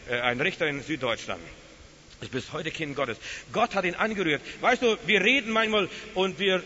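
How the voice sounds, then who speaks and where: A man preaching a sermon, telling stories emphatically and swinging between hushed passages and loud, rising calls. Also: fairly high pitch. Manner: emphatic storytelling, dropping to hushed tones then rising. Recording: dull hissy recording in a reverberant hall.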